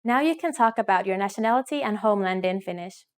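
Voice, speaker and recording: A woman narrating a scripted language lesson in a clear, measured teaching delivery, slowing down to model phrases. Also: mid-range voice, animated.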